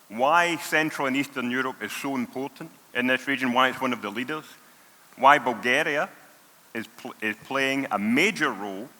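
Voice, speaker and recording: A Scottish man with a broad accent and a mid-range, sharp-toned voice presents on stage in a large hall. He is a payments product lead speaking at a conference, delivering his talk emphatically and often repeating words for stress, and the recording carries the reverberant sound of the big hall.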